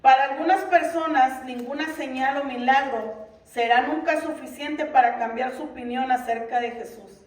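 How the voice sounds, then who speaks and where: High-voiced woman preaching in an echoey church. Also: normal speed, few pauses. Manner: earnest, with many rhetorical questions to the congregation. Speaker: Bible teacher in a church ministry. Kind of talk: Bible lesson sermon. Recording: roomy echo from a distant mic.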